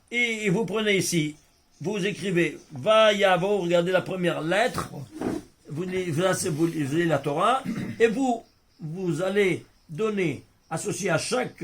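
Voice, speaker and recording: A man with a notably high-pitched voice teaches a small group in a casual Torah class. He explains in an animated way and often stops to ask if everyone has understood. He sounds like a rabbi among his students. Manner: animated explainer who keeps checking if students follow.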